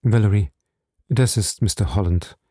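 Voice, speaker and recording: A man's voice: lowish voice, moderate pace, dark tone, slightly rough, no echo, studio quality. A man reading an audiobook, voicing a tired, dejected wealthy father. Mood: weary. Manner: weary.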